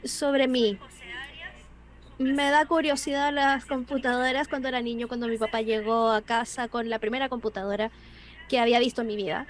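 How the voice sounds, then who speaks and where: High-voiced woman interpreting a panel. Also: fairly even intonation. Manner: brisk, with small word restarts and self-corrections. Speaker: voice-over interpreter for an online panel. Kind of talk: live interpretation voice-over.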